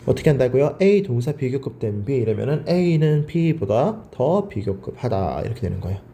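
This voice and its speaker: A man's voice: medium pitch, very animated, moderate pace, mellow. A male teacher giving a grammar lecture. He asks his class questions, answers them himself and drills the words by repeating them.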